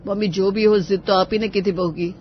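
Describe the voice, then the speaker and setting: A woman voicing a calm, sensible young adult son in a cartoon. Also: mid-range voice, fairly quick, breathy edge, close to an everyday voice. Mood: reasoning. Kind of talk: cartoon voice acting. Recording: dull lo-fi voice-over.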